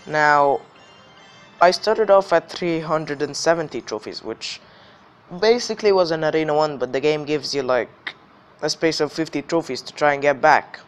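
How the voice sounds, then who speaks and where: Higher-pitched man, casual gaming commentary, slightly ill. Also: normal speed, faint music behind. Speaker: gaming video host.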